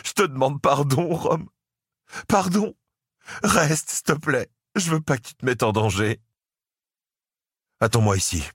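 A man's voice: a little slow, long pauses, a bit bright, breathy edge, no echo, studio quality. A man voicing a guilt-ridden young man who pleads with his brother through tears in an audiobook. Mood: tearful pleading. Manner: pleading, voice pushed high. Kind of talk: audiobook character voice.

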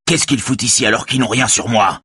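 A man reading an audiobook and voicing a furious male crime boss who shouts and swears while interrogating someone. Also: deep voice, normal speed, husky, dry recording, heavily acted.

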